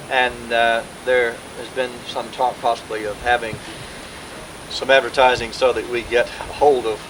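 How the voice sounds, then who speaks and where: A man, talking informally to relatives at a family gathering in a rambling way with many pauses, heard on an old VHS home video. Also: mid-range voice, little pitch movement, background noise. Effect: old VHS home video sound. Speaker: family historian speaking at a birthday gathering.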